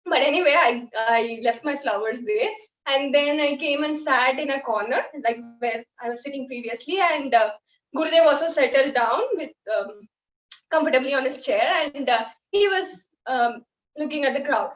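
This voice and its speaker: A young woman from India with an Indian English accent, telling a personal story as a guest in a halting, heartfelt way with many fillers. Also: high voice. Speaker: guest volunteer. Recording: echoey, distant, dull sound.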